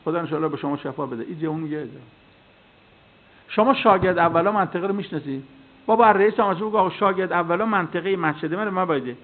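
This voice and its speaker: Male preacher, fairly high voice, lively storytelling sermon, thin phone-like recording. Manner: storytelling with acted dialogue, animated. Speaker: cleric and preacher. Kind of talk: sermon with anecdotes. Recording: tinny phone-like sound.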